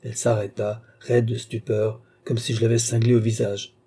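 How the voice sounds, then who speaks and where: A man reading a novel aloud as a narrator, in a measured storytelling manner. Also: on the low side, little pitch movement, mellow, husky. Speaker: audiobook narrator. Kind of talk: scripted narration.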